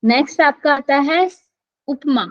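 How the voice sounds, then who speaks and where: A high-voiced woman runs an online class, calling on students by name for answers and slipping English words into her Hindi. The sound is dull and lo-fi, like an online call. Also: a little slow, a bit bright. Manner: quizzes students by name, switches often between Hindi and English.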